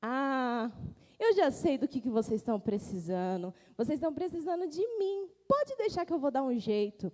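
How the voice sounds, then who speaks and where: A woman voicing a calm, confident clean sponge. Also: high voice, normal speed. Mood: reassuring. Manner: reassuring, confident. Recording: echoey hall.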